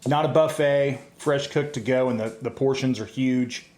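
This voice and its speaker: A man's voice: medium pitch, fairly even intonation, normal speed, a little mellow. Guy cohosting a home podcast, joking around, roomy sound. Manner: jokey, banters and plugs local spots. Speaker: podcast co-host. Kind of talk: casual chat. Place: home, room with pets.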